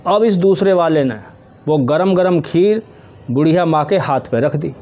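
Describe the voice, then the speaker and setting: A man spins village jokes casually, slipping into quick acted quotes of his characters. His voice sits somewhat high but has a mellow, dark tone. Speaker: comedian telling jokes. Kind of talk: casual joke telling.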